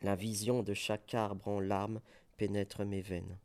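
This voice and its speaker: A man in his forties giving a dramatic poetry recitation, theatrical, moving between hushed murmurs and sudden cries. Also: lowish voice, flat delivery, measured pace. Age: 40s.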